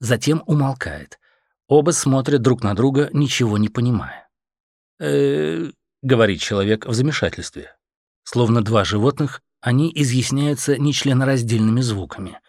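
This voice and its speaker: A man narrating an audiobook in an expressive way. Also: mid-range voice, normal speed, no echo, clean studio sound.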